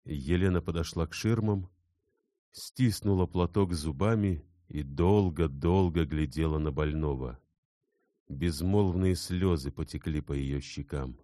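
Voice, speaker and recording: A man narrating a classic novel in a measured, dramatic storytelling manner. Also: very deep voice, mellow, dry recording, studio quality. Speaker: audiobook narrator. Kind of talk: scripted literary narration.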